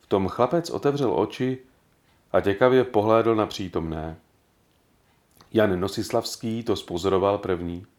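A man narrating a story as an audiobook in a calm, measured reading. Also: lowish voice.

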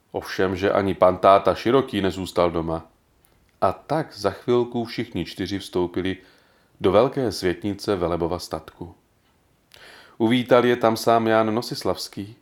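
Casting: a calm, measured male audiobook narrator with a low voice.

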